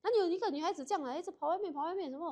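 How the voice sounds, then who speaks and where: Woman doing a nagging granny, shrill and way higher than her own voice, loud, rattling off at speed. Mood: scolding. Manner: high, shrill, rapid scolding. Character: scolding grandmother, shrill and exasperated.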